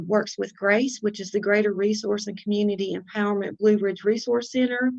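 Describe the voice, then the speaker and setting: Virginia woman introducing guests, gravelly, kinda earnest, trips over words, dull dry mic. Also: mid-range voice, no room sound. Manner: warm, earnest introductions with stumbles. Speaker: town hall moderator and candidate. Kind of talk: introducing speakers at a virtual town hall.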